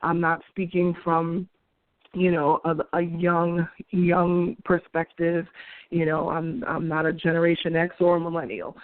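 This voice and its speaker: A New York woman in her forties hosts an opinion monologue, speaking earnestly and conversationally with restarts and light laughs. Her voice is on the low side, with a level tone and a measured pace. The sound is tinny, dry and phone-like.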